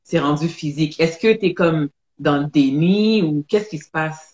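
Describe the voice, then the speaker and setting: A woman with a Quebec French accent, co-hosting and gently asking questions, summing up what the guest said. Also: low-pitched, unhurried. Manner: gentle, probing, sums up the guest's words. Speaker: co-host. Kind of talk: casual interview questions. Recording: echoey, dull online live audio.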